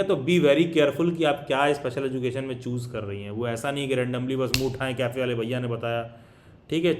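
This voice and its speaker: A man counselling students in a live online session, earnest, mixing in English phrases. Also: mid-range voice. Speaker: B.Ed. admission counsellor.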